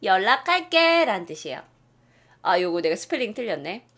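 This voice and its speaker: A young woman teaching English in a casual video lesson, acting out example lines with big jumps in pitch and dropping to a whisper for asides. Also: sing-song, brisk, fairly bright tone.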